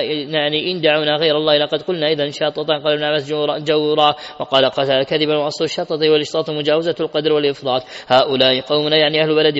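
A man's voice: a little high, fairly bright tone, smooth. A man reading classical Quran commentary aloud, with frequent self-corrections and restarts. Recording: dull lo-fi recording with long hall reverb.

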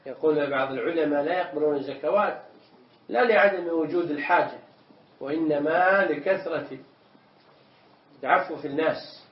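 Man teaching in a roomy hall. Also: on the high side. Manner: measured, repeats words while explaining. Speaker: sheikh teaching a text. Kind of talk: explaining religious texts in a lesson. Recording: echoey room, distant mic, dull sound.

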